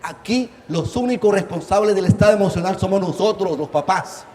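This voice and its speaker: A man's voice: high voice, a little fast, mellow. A man giving a motivational talk to parents, earnest and speaking straight to his audience. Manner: earnest, addresses audience directly, acts out quoted voices. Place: conference venue. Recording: roomy hall with faint noise.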